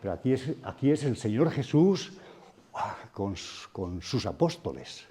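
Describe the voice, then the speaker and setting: In a retreat meeting room, a man preaches a reflective, thoughtful sermon, frequently posing questions to his listeners. His mid-range voice is warm, slightly rough, and sing-song, with a somewhat slow delivery.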